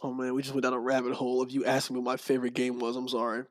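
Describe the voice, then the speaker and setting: A man's voice: mid-range voice, completely flat delivery, racing. Young man chatting on a podcast, acts out quotes, laughs often, medium voice. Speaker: podcast guest, streamer. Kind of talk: casual storytelling chat.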